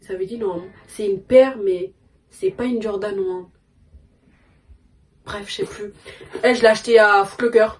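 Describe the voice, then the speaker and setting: A woman's voice: medium pitch, steady tone, moderate pace, pauses often. A young woman chatting casually in a vlog, rambling and slangy with lots of fillers. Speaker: vlogger. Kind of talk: casual chat.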